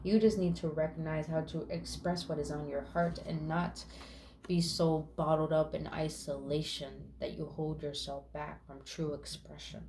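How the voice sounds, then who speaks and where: A woman with a deep, level, dark-toned voice gives a casual spiritual tarot reading, recorded with a little hiss or hum. She chats affirmingly, swears casually, draws out her words, and fills the gaps between card meanings with a murmured "mm".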